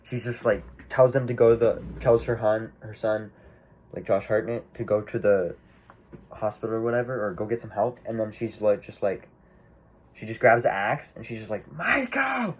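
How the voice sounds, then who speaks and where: A man's voice: on the low side, fairly even intonation, normal speed, a little mellow. A man giving a casual movie review, rambling and swearing freely, full of fillers and restarts.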